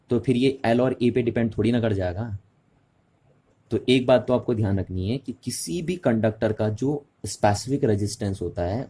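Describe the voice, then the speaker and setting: The speaker is a man whose fairly low voice sounds mellow and husky. In a Hindi-English classroom lecture on physics, he calmly repeats essential terms and asks whether the students are following.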